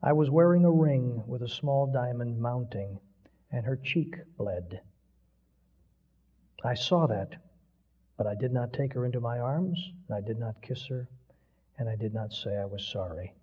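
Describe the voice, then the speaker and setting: A man voicing a dying older man tormented by guilt, speaking hoarsely in a weak, broken, hushed voice. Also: mid-range voice, a little slow, pauses often. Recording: dull lo-fi recording with long hall reverb.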